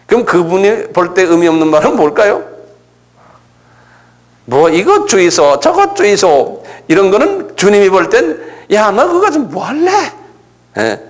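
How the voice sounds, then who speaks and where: An older man with a Gyeongsang accent delivers a sermon. His voice sits high and swings widely in pitch as he acts out prayers and puts questions to his listeners. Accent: Gyeongsang Korean. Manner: animated preaching, acting out prayers and asking the congregation questions. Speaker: pastor.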